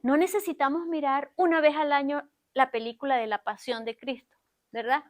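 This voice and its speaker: A woman with a high-pitched voice delivers a sermon from the pulpit of a church. She speaks straight to her congregation and keeps stopping to ask them questions. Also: steady tone, moderate pace. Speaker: preacher. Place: church sanctuary.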